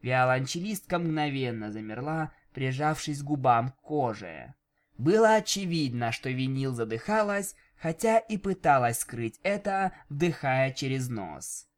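A man narrating a fan-fiction audiobook with expressive storytelling. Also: mid-range voice, measured pace. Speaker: audiobook reader.

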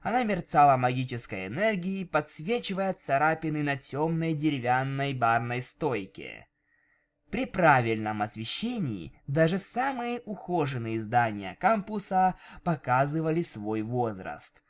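A man narrating a fan-fiction audiobook with expressive storytelling. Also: on the high side, unhurried. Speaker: audiobook reader.

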